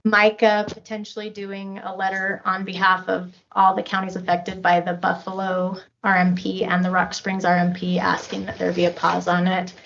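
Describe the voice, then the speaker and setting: A woman reporting to a county board at a public meeting, measured and a little halting. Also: mid-range voice, monotone, gravelly, fairly bright tone. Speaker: county staff member reporting to commissioners. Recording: dull meeting room audio with faint noise.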